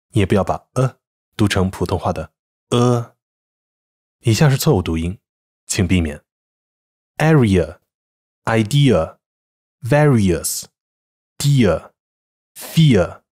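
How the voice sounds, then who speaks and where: A middle-aged man, teaching English pronunciation in a calm scripted lesson and patiently sounding out example words. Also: on the low side, breathy edge.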